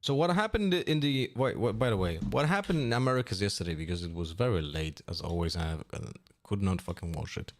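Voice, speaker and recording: Man, streamer, casual live chat, low voice, relaxed mumbling, faint music behind. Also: fairly quick.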